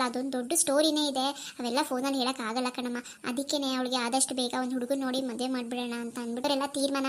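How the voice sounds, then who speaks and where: A woman voicing a gentle, caring young wife in a cartoon who speaks softly and reassuringly. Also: high voice, lightly acted. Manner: soft, reassuring. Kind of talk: cartoon dialogue acting.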